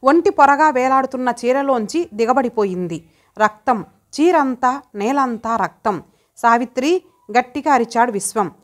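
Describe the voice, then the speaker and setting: A woman's voice: a little high, lively intonation. Woman narrating an audio story. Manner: measured, dramatic storytelling. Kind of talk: scripted narration.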